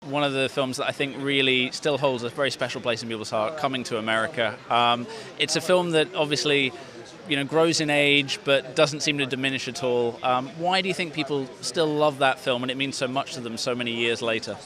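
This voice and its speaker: A man's voice: medium pitch, fairly quick, bright, forceful tone. A British man interviewing a guest outdoors, asking upbeat questions. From United Kingdom. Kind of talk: red carpet interview questions.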